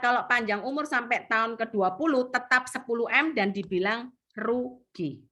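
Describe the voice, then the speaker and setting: Lively woman coaching her sales team, sharp bright tone, acts out clients. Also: mid-range voice. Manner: animated, mixes in English phrases. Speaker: insurance sales trainer. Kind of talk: coaching talk to sales agents.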